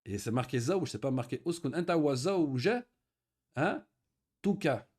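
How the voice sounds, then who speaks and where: Man, teacher, fairly high voice, patient explaining, slow careful reading. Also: expressive, a little mellow, husky. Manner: explains patiently, reads Arabic slowly, then translates. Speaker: Arabic teacher. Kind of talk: recorded online lesson.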